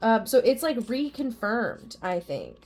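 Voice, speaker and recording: A woman's voice: fairly high pitch, very animated, unhurried, a little mellow. A woman giving a chatty, effusive tarot reading to her viewers, upbeat and enthusiastic though she says she is tired. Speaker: tarot reader.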